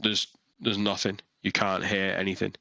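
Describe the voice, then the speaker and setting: A man running a tabletop game as dungeon master, narrating haltingly with many fillers and restarts over a headset. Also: deep voice, monotone, gravelly, bright, forceful tone, dry recording.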